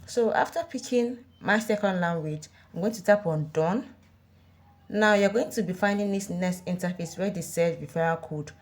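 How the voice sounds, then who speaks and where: This online earning tutorial host, a Nigerian woman with a lowish voice at normal speed, voices a step-by-step app walkthrough. She repeats her cautions with insistent emphasis as she goes.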